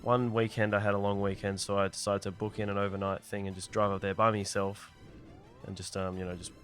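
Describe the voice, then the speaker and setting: A man's voice: lowish voice, level tone, fairly quick, a bit bright, soft background music. An Australian man hosting a let's play, rambling through a funny anecdote while laughing often. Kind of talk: casual chat over gameplay.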